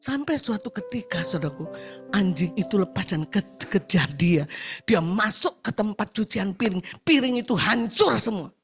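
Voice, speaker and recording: A woman preaching a sermon over a video call, telling a story with lively acted-out quotes and often addressing her listeners directly. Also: normal speed, breathy edge, soft background music. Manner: animated storytelling, acting out quotes in a high voice.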